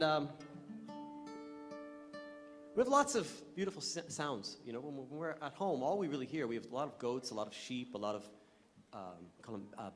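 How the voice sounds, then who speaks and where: A man, a singer-songwriter, chatting and joking with a live audience between songs, drawing in the children in the crowd. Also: medium pitch. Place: performance hall with an audience. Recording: long hall reverb with guitar music. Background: guitar.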